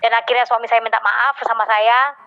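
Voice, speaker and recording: A woman's voice: a little high, flat delivery, brisk. A woman telling a heartfelt personal testimony to a congregation, with many hesitant fillers. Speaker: church member giving testimony. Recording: dull lo-fi recording.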